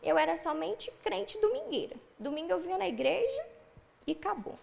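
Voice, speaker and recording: A young woman giving a personal testimony at church, telling her story with lively acted-out dialogue. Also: very high-pitched, normal speed, gravelly.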